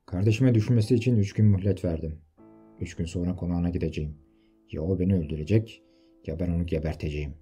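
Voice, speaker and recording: Man reading a concerned nobleman, low and dark, earnest. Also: fast, breathy edge, faint music behind. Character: worried noble marshal, older man.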